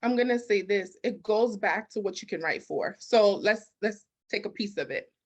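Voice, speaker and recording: Speaking at a moderate pace in a medium-pitched voice, a business consultant and grant expert is interviewed as a guest. She talks emphatically, throws out rhetorical questions, and acts out snippets of dialogue.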